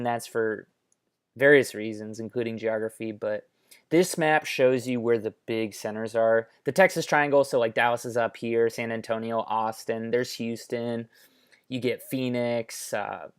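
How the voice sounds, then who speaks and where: Speaking into a headphone microphone, an American presenter offers relaxed commentary over maps, sprinkling in casual asides. His voice is medium-pitched and clean.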